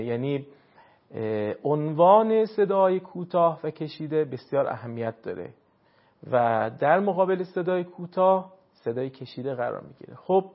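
Man teaching Quran reading, muffled audio. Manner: measured, stretches key words when stressing points. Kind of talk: explanatory lesson. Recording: muffled low-fidelity audio.

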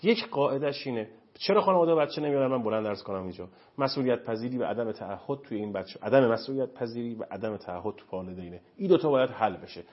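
A man's voice: mid-range voice, animated, few pauses. A man speaking as a counselor on a talk show, earnest and emphatic, lecturing. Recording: dull lo-fi recording.

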